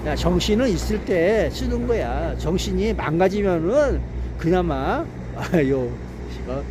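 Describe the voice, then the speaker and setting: High, lively man mocking and scolding. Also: measured pace, noisy background. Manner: mocking, scolding, full of rhetorical questions; laughs to himself often. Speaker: political commentator. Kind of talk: casual political monologue.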